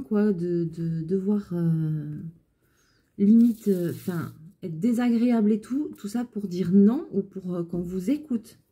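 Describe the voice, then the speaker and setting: A woman's voice: mid-range voice, warm tone, breathy edge. A woman who runs a clothing alterations shop, chatting casually and venting with exasperation about her customers.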